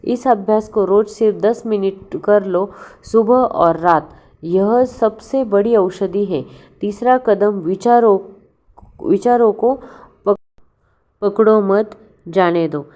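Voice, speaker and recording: Slow, mellow-voiced woman giving calm advice. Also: medium pitch. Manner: calm, unhurried advice with frequent restarts. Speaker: motivational speaker. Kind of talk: spiritual self-help talk.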